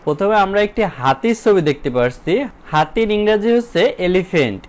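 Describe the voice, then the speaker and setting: A man with a Bangladeshi accent teaching a children's English lesson, explaining patiently and drawing out English phrases slowly. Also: high voice, lively intonation.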